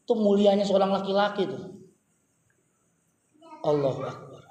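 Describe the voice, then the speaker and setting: A middle-aged man preaching a lively sermon from Indonesia, teasing his congregation with sudden rises in pitch and volume. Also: normal speed. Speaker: Islamic preacher. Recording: echoey hall, faint noise.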